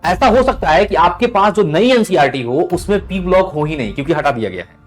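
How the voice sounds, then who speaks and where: A man's voice: high-pitched, animated, a little fast, soft background music. A male chemistry teacher giving an exam-prep lesson, calling students "beta" and checking in with "thik hai?" after each point.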